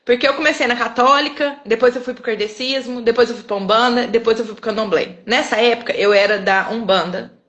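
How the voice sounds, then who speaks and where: A woman with a Brazilian Portuguese accent and a brisk, high-leaning voice shares an emotional personal testimony as a guest on a live online broadcast. An expressive, animated storyteller, she acts out the dialogue as she tells it.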